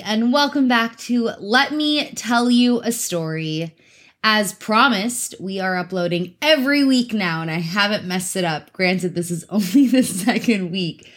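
A woman's voice: medium pitch, expressive, moderate pace. A woman from Africa, hosting a casual true crime podcast in a chatty, giggly way with teasing asides. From South Africa. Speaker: podcast host.

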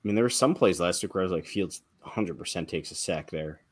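A man's voice: low-pitched, fairly quick, breathy edge. A man co-hosting a casual sports podcast, talking directly and quizzing the others. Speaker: podcast co-host.

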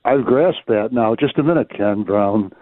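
A fairly low-voiced man joins a casual sports podcast over a thin, tinny phone line. He talks in a measured way, often qualifying his views. The sound is dry, with no room echo. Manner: measured, hedges with "I think".

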